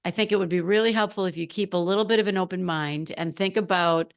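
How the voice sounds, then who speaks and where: A middle-aged woman hosts a casual solo podcast, coaching her listeners directly. Her lowish voice is a little hoarse, and she talks fast in a chatty, animated way.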